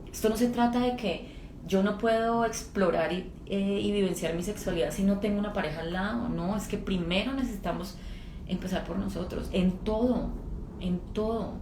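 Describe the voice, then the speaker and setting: A woman's voice: mid-range voice, darkish tone, roomy sound, slight background noise. A woman in her thirties leading a workshop talk, telling stories in a chatty way and often checking in with her listeners. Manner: chatty storytelling, often asks "¿sí?". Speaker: personal development facilitator.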